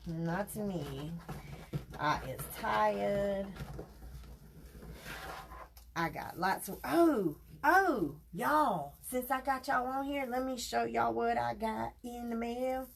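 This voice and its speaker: While hosting a crafting livestream, a woman chats casually and folksily, talking straight to her viewers. Her medium-pitched voice is gravelly, with background noise audible.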